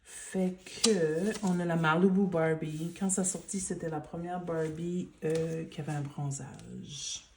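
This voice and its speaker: A woman with a Quebec French accent, speaking in a hushed library-like murmur in soft-spoken ASMR style and mixing in English words. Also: sits low, fairly even intonation, a little slow, vocal fry, few pauses, slight background noise. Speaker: ASMR creator.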